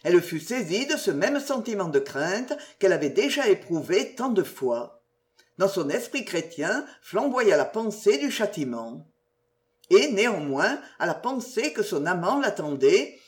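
A woman reading a literary novel aloud as narrator, lyrical and expressive. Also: medium pitch. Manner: lyrical and expressive, slowing for exclamations.

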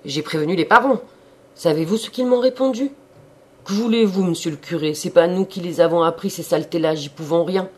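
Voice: medium pitch, quick pace, few pauses, dark tone, lightly acted. A reader voicing an older country priest who lectures and coaxes with a wry, knowing manner, in an audiobook of a classic novel. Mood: sly sermonizing. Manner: sermonizing, wry and cajoling.

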